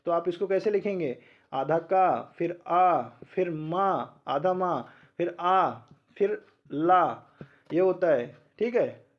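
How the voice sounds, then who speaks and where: A man's voice: high-pitched, muffled recording. A man teaching an exam-prep lecture, asking learners questions and answering them himself, sounding out letters one by one.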